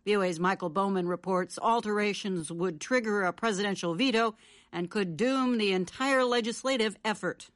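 An American woman reading scripted radio news as an anchor, with a formal, measured news reader delivery. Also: medium pitch, dry recording, studio quality.

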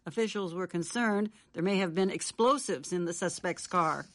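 An American woman reading scripted radio news as an anchor, with a formal, measured news reader delivery. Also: lowish voice.

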